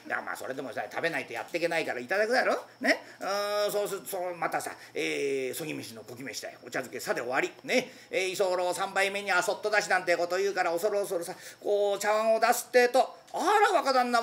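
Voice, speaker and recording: A performer doing a carefree lazy young master. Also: medium pitch. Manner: lively, quick, playful comic delivery. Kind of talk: rakugo storytelling. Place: former public bathhouse used as an event venue.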